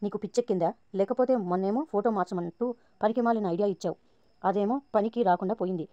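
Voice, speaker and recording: A woman's voice: mid-range voice, fast, no echo, muffled recording, natural voice. A woman narrator reading the lines of a naive, pushy young woman. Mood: impatient. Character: naive pushy young woman chasing her sister's husband.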